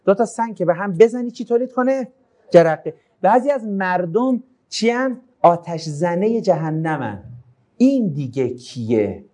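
A religious teacher with a high, mellow voice gives a Quranic lesson to a class, reciting Arabic verses and then explaining them. He's animated, swinging between soft asides and sudden raised exclamations.

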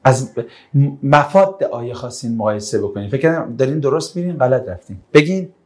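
Lively-voiced male religious teacher. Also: mid-range voice. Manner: animated, calls on students and keeps rejecting answers. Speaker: teacher of Quran interpretation. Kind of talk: classroom lecture with questions to students.

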